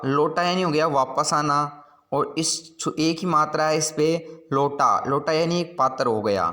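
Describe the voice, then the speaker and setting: A man's voice: on the high side, bright, forceful tone. Patient male teacher explaining vocabulary. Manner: patient, explanatory, repeats each meaning. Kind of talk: classroom lesson explaining word pairs.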